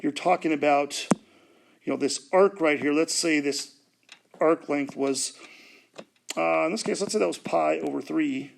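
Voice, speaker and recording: A man's voice: a little high, a little slow, vocal fry, long pauses, slight background noise. A man teaching a recorded math lesson, talking through a drawing with jokes and asides. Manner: jokey, rambling, talks while drawing on a board.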